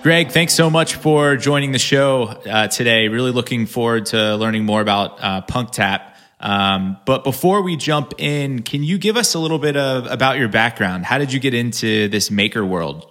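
A man's voice: medium pitch, moderate pace, a bit bright, faint music behind. A man hosting a casual podcast interview, upbeat and asking easy questions. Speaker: podcast host.

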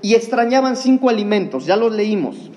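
A man's voice: high voice, expressive, moderate pace, a little mellow. Preacher man, earnest sermon, talks straight to the brothers. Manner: earnest, addresses congregation as brothers.

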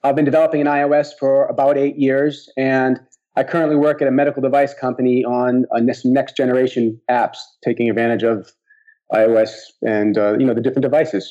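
A man from the US, a guest on a podcast, speaking casually with some pauses. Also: mid-range voice, dark tone, lo-fi sound. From Boston, USA. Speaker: guest author.

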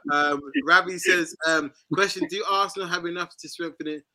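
A man's voice: high-pitched, big pitch swings, fairly quick, gravelly, bright, forceful tone. A man with an urban London roadman accent, hosting casual, slangy football banter and often repeating himself. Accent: London, urban street slang. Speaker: football fan show host.

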